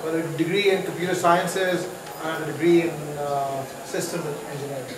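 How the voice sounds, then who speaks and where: A man from Pakistan, a guest on stage, tells his story in a chatty, self-mocking way, full of fillers and restarts. His voice sits high, and he is picked up from a distance in an echoey room with steady noise behind. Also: brisk. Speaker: guest entrepreneur.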